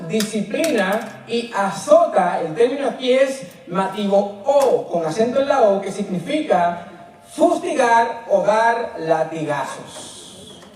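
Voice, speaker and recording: High-voiced man preaching in an echoey hall. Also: darkish tone. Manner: emphatic, rhetorical questions to the congregation. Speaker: pastor. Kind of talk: sermon. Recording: very echoey church hall, mic at a distance.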